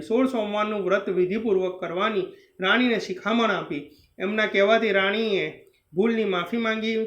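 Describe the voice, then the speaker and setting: A man narrating a devotional story in a steady, earnest way. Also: high-pitched. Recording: roomy, slightly dull recording.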